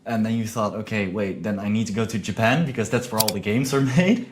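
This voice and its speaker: A man's voice: fairly low pitch, a little fast. A man hosting a podcast, introducing and questioning his guest in a casual, encouraging way with frequent "yeah" agreements. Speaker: podcast host. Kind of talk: conversational interview.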